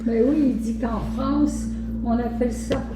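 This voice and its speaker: A woman gently prompting her husband and supplying dates as he tells his story. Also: on the high side, steady tone, measured pace, music in the background. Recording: roomy with noticeable background hum.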